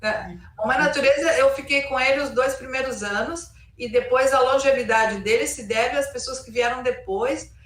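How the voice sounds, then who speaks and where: A middle-aged woman speaks in a fairly high voice, some way from the microphone in a roomy, echoing space. She recollects informally as an interview guest, rambling and quoting remarks as she goes. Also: normal speed, fairly bright tone. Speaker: interview guest, cultural producer. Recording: roomy echo, distant microphone.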